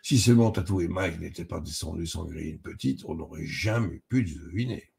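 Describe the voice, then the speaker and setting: A man's voice: sits low, brisk, creaky, darkish tone. A man voicing a cheeky young male worker with a sly manner.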